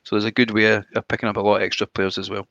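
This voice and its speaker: A podcast co-host chats casually about games in a friendly, enthusiastic way, with a regional British or Irish accent that he points out himself. His voice is fairly low and level yet fairly bright, and he talks at a racing speed. The recording has no room sound and the highs are cut off.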